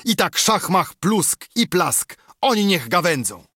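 Swaggering club-wielding nobleman, put on by a man, high, loud, dry. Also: sing-song, slow pace, husky, no room sound, heavily acted. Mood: boisterous. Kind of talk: audiobook reading of an epic poem.

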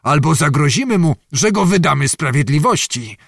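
A boastful old nobleman full of bluster, put on by a male narrator. He exclaims theatrically, his pitch leaping up high. The sound is close and dry. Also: lively intonation, moderate pace, gravelly, slightly rough, no room sound, heavily acted. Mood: scheming.

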